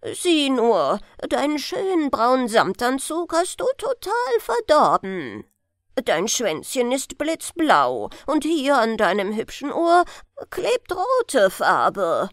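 A woman voicing a grumpy old grandfather hare who scolds loudly in a bedtime storybook. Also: on the high side, very animated, takes it slowly, no room sound, clean studio sound, heavily acted. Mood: scolding. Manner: stern, loud scolding grumble.

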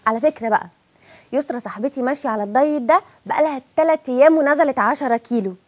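A woman's voice: sits high, very fast. A woman with an Egyptian accent playing a dieting wife, whiny and complaining. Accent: Egyptian Arabic. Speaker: wife in comedy sketch.

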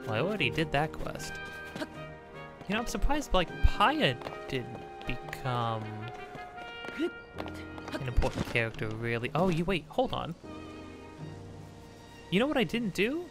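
A man's voice: fairly high pitch, huge pitch swings, a little slow, pauses often, music in the background. A man hosting a let's play, chatting casually while he plays, rambling with many fillers and restarts. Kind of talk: casual gameplay commentary.

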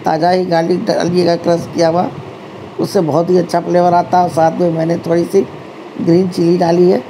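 Woman doing a cooking video at home, gravelly kinda flat voice, chatty, fixes her words a lot, ac humming behind. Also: fairly low pitch, fairly quick, slight background noise, rough recording. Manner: chatty, addresses viewers as friends, frequent self-corrections. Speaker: cooking channel host. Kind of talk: home cooking tutorial voice-over. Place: home kitchen.

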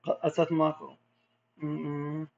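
A man with a Gulf Arabic accent, a macro photographer who answers viewer questions in a relaxed, explanatory way during a casual live Q&A. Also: on the high side, unhurried, gravelly. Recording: dull lo-fi audio.

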